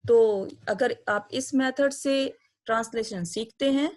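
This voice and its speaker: Woman teacher slowly reciting grammar. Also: fairly high pitch, darkish tone. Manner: slow, deliberate recitation of verb endings; patient step-by-step explaining. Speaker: Sanskrit teacher. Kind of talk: online grammar lesson.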